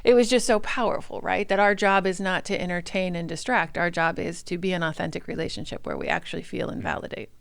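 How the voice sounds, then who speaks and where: Low gravelly-voiced woman. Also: steady tone, fast, few pauses, dry recording. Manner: warm storytelling, laughs often. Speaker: guest therapist. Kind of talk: casual podcast interview.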